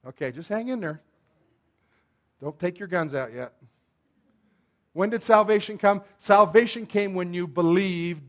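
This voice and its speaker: A man preaching a sermon, asking the congregation for responses and swinging between loud emphatic lines and quiet asides. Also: on the high side. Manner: call-and-response questions to the congregation.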